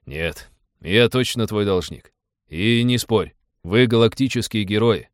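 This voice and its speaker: Мужчина, читающий реплики серьёзного благодарного шахтёра, говорит настойчиво и искренне. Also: male voice, on the low side, measured pace, no echo, studio quality, lightly acted. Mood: earnest. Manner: earnest, insistent.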